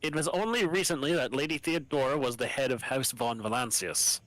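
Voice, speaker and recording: A man's voice: medium pitch, fairly quick, a bit bright, dry recording, natural voice, low-quality recording. A man voicing a stern military governor in a game, with a curt, formal, commanding manner.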